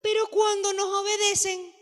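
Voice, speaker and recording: A woman's voice: very high voice, little pitch movement, moderate pace. A woman pastor giving a sermon to parents, emphatic and often asking the congregation questions. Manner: emphatic, asks the audience questions. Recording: long hall reverb.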